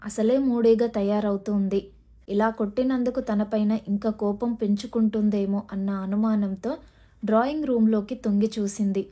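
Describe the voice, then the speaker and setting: Woman reading a family story, mellow tone. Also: mid-range voice, fairly even intonation, moderate pace. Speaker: audiobook narrator. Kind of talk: scripted storybook narration.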